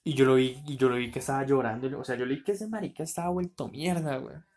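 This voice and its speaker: A young man with a Colombian accent, co-hosting a podcast and telling a school story in casual chat, animated and full of slang. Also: mid-range voice, fast talker. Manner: animated, slangy, tumbling narration. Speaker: podcast co-host.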